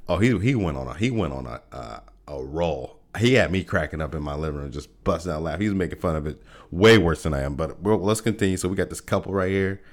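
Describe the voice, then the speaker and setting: A man with a low, deep voice talks on his solo podcast in a loose, joking way. He laughs a lot and keeps restarting his sentences with repeated words. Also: expressive, fast talker. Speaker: podcast host. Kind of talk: casual solo podcast chat.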